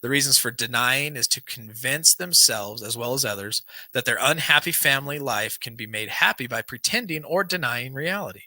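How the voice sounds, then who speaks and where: A podcast host in a small home studio with a banner backdrop reads a book aloud, then chats casually and earnestly into a large studio mic on a boom arm. He's losing his voice and has a dry throat, so his mid-range, moderately paced voice sounds worn, pushed and bright, with no echo.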